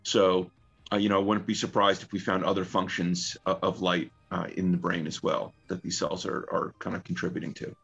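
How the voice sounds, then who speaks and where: A man's voice comes through a phone line that sounds muffled and lo-fi. His voice sits on the low side. He explains things in a relaxed interview tone and often pauses on "uh" and "um". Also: gravelly, breathy edge, faint music behind. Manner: relaxed, with frequent "uh" and "um" fillers. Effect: talking over the phone. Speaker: researcher being interviewed.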